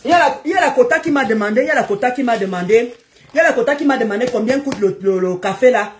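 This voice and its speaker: High-pitched, fiery woman ranting. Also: animated, very fast, a little hiss or hum. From Cameroon. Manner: combative, loud, scolding, often shouting. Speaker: live-stream host. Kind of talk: live-stream rant to commenters.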